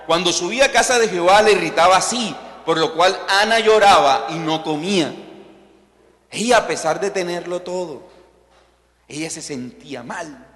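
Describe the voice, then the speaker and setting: Colombian male pastor, sermon, lively rhetorical questions, bright forceful voice, echoey hall. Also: high-pitched. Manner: animated, peppers the congregation with rhetorical questions. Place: church hall. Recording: echoey church hall with long reverb.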